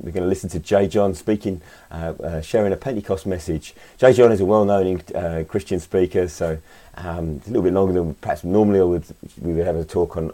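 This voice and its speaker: A man with a deep voice, left croaky by a cold. He speaks as a pastor welcoming people to worship, in a soft, mellow tone. His delivery is informal and halting, with frequent little tag questions. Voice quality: croaky, slightly hoarse. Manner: hesitant and conversational, often adding tag questions. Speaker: pastor leading an online Sunday service.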